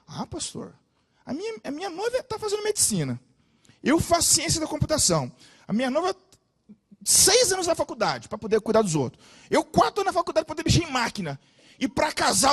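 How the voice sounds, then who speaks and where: A man's voice: very high-pitched, huge pitch swings, a little fast, fairly bright tone, pitched above the performer's own voice, exaggerated voice. A man voicing a stubborn, indignant young man who refuses a course, quoted in a sermon. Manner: indignant, emphatic.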